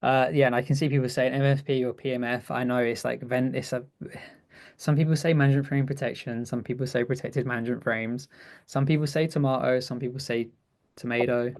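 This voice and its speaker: A man's voice: mid-range voice, steady tone, quick pace, darkish tone. A man co-presenting a webinar, chatting casually through a technical demo with frequent restarts and easy laughs. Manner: chatty, self-correcting, laughs easily.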